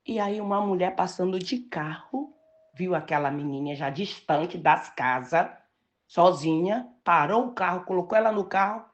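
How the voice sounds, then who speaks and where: An older woman from Brazil preaching a sermon, telling a personal story and stressing key words slowly and emphatically. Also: fairly low pitch, highs cut off.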